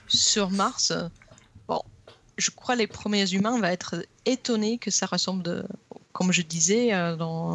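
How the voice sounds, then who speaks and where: English-accented woman, halting explanations. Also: medium pitch, fairly bright tone. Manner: hesitant, frequent fillers and restarts. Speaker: guest geologist. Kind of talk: radio interview.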